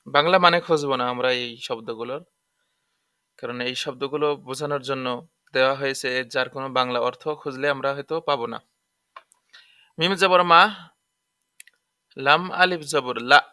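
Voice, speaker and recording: In this letter-by-letter tajweed lesson, a man teaches Quran recitation, naming every letter and vowel mark in turn and going over each rule again with patience. His medium-pitched voice sounds pushed, bright, clear and resonant, and the studio recording is clean with no echo.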